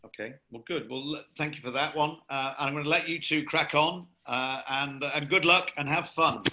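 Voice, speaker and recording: A man hosting a live online event, brisk and friendly as he puts practical questions to the judges. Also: a little high, noisy background. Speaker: event host.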